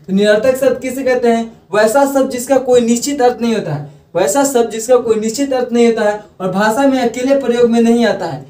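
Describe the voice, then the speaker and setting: A man's voice: very high-pitched, darkish tone. A man explaining grammar in a loose, repetitive classroom manner, often restarting his sentences. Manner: repeats phrases, self-corrects often. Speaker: grammar teacher. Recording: echoey room, voice from far off the mic.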